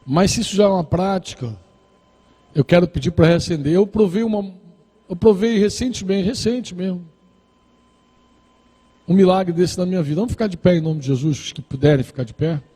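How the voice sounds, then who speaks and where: A male pastor delivers a sermon with a high voice, pressing his points home through repetition. The tone is dark and a little husky. The sound carries a long reverb from a church hall. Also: fairly quick, long pauses. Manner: exhorting, repetitive, acts out dialogues.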